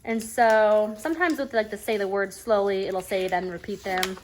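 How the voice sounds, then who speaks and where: A woman's voice: medium pitch, fairly even intonation, normal speed. A woman, a homeschooling mother, chatting casually at home about a reading curriculum, rambling and often saying "anyways.". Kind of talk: casual chat review. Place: at home at a table. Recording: faint background noise and clicks.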